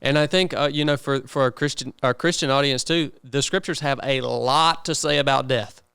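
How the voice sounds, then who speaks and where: A man hosting a casual conversational interview in an earnest, informal way, pausing often. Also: mid-range voice, fairly even intonation, gravelly, pushed and bright, clear, resonant tone, no echo, clean studio sound. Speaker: interview host.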